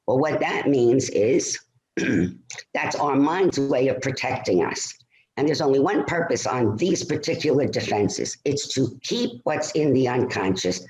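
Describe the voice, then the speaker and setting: A man presenting a stress-management talk on a video call, lively and conversational, often checking in with "all right?". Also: mid-range voice, a little slow. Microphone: computer mic on a video call. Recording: roomy video call audio.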